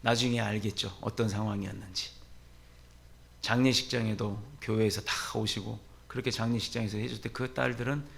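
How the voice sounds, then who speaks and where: A middle-aged man preaching from the pulpit with a gravelly, sharp-edged voice. He shifts from soft, low storytelling to loud, climbing appeals to his congregation. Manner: swings from quiet storytelling to loud, rising exhortation. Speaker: pastor. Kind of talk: sermon.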